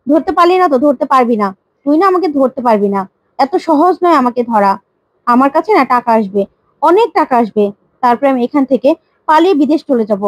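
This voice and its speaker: A woman's voice: sits high, animated, brisk, no echo. A woman voicing a boastful fugitive villain who taunts and threatens, in a retold serial story. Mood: taunting. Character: scheming fugitive middle-aged man, boastful villain.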